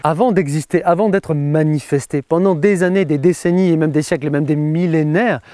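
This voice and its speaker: A man delivers a motivational coaching talk, driving his points home with repeated phrases. His voice sits a little high for a man and the sound is dry and close, with no room echo. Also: brisk, dark tone. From France. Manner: emphatic, repeats phrases for effect.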